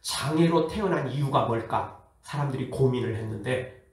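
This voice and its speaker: A man who is a pastor, preaching a sermon in a lively way with rhetorical questions and acted-out voices. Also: medium pitch, moderate pace, very echoey, far from the mic. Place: church hall.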